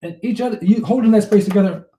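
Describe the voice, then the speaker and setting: Fast-talking energetic man in an echoey room. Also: high-pitched. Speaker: relationship coach. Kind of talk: casual conversational talk show.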